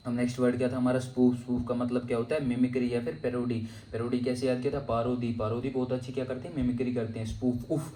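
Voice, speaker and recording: A man's voice: mid-range voice, little pitch movement, fast, few pauses, warm tone, reverberant, slight background noise, low-quality recording. A man teaching vocabulary for exams in a casual, chatty way. He keeps saying "okay" and builds jokey memory tricks for each word. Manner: chatty, repeats "theek hai" often, jokey memory tricks. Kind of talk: casual exam-prep lesson.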